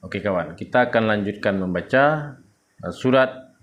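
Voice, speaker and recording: A man teaching Quran reading for adults, drawing out each syllable as he recites and then explaining in brisk asides. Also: on the low side, animated, muffled recording. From Indonesia. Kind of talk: slow recitation lesson.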